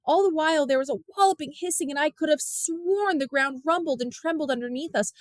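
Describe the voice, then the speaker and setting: Woman narrating an audiobook, high and dry. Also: no room sound. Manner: measured, expressive storytelling. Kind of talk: scripted narration.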